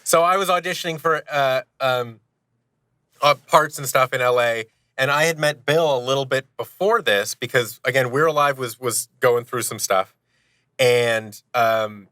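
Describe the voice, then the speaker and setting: As a podcast guest, an audio drama producer and actor in his thirties tells animated, casual stories at his own expense. He talks a little slowly in a mid-range voice that is bright, forceful, clear, and resonant, with no room sound.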